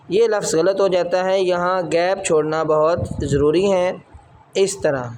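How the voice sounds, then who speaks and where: Guy with a high-ish voice walking students through letter strokes, calm and patient. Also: slight background noise. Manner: patient, explains each stroke while writing. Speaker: calligraphy teacher. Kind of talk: step-by-step writing lesson.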